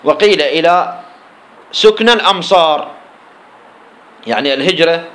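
Brisk Iraqi teacher, higher-pitched male voice, lectures with rhetorical questions, roomy echo. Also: a bit bright. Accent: Iraqi Arabic. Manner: explains line by line, asks and answers his own questions. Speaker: teacher of Islamic jurisprudence. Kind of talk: classroom lecture explaining a text.

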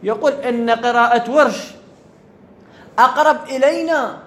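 A man's voice: very high voice, moderate pace, fairly bright tone. A man giving a classroom grammar lecture, often checking whether his students follow and repeating the key words. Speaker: teacher of Arabic grammar.

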